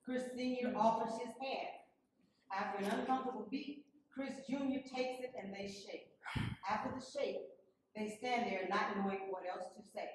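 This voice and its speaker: A woman with a slightly high voice delivers scripted narration of stage directions. She sounds distant from the microphone. The room is very echoey. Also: moderate pace. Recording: very echoey room, distant mic, faint noise.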